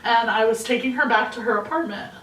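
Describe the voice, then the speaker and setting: A young woman co-hosts a casual podcast with a fairly high voice. She tells stories in an animated way and laughs often. She sits away from the mic in a roomy space, with faint noise behind her. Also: brisk, far from the mic. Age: young adult. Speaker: podcast co-host.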